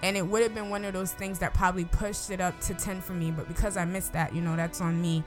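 A woman's voice: lowish voice, flat delivery, fast talker, music in the background. Woman talking with braces, casual review. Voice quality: slight speech impediment from braces and rubber bands, slurred on some words. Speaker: movie reviewer. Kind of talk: casual unscripted film review chat.

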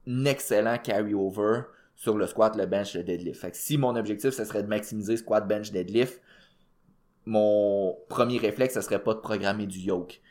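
This is a powerlifting coach and podcast co-host with a Québécois French accent, his voice low-ish and slightly mellow at a normal speed. On the fitness show he describes training loosely, leaning on fillers and English gym words.

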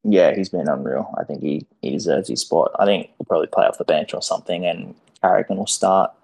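A man's voice: low-pitched, a little fast, gravelly, a little mellow, slightly rough. A man co-hosting a podcast in casual, laid-back, matey sports chat. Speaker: podcast co-host.

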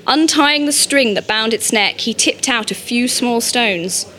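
A woman reading an audiobook, narrating in a measured, steady storytelling manner. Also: fairly high pitch.

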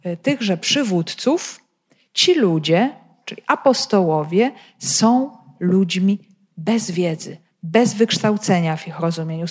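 This Bible teacher, a woman whose mid-range voice is a little mellow, explains a biblical text aloud. She talks directly to her listeners and asks lots of rhetorical questions.

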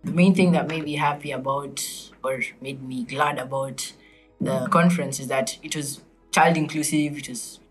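A man's voice: on the high side, fairly even intonation, normal speed, soft background music, poor audio. A teenage boy from Kenya answering interview questions in articulate, formal wording. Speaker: child guest.

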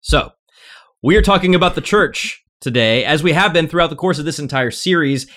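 A man's voice: on the high side, expressive, fairly quick, fairly bright tone. A man hosting a podcast, chatting casually in a jokey, self-deprecating way. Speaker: podcast host. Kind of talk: casual conversation.

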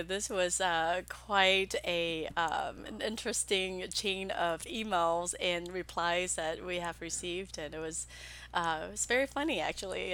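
A woman's voice: lowish voice, fairly bright tone. A woman in her forties from Vietnam who grew up in Texas, a guest on a podcast, chatting casually, laughing easily and thinking aloud with "um". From Vietnam, raised in Texas. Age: 40s. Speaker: guest optometrist. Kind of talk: casual interview chat.

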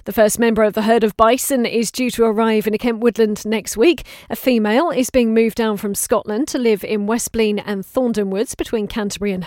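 A woman presenting a local news podcast, reading the bulletin in a brisk, bright manner. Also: a little high, dry recording, studio quality.

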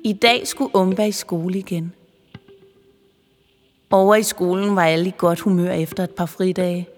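Woman reading a children's story aloud. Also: on the low side. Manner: expressive, playful storytelling. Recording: long reverb with music behind.

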